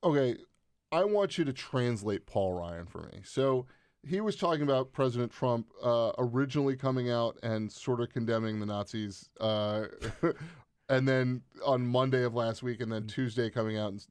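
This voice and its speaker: A man's voice: medium pitch, darkish tone, clean tone, dry recording. Guy hosting a political talk show, chatty rambling questions, dry studio sound. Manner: conversational, drawn-out questions with fillers. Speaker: podcast host.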